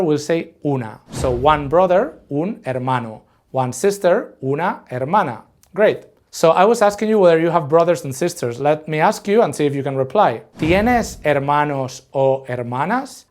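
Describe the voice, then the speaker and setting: A man from Madrid, teaching a lesson and saying model phrases slowly for learners to repeat. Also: on the high side. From Madrid, Spain. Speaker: language teacher. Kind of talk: scripted language lesson.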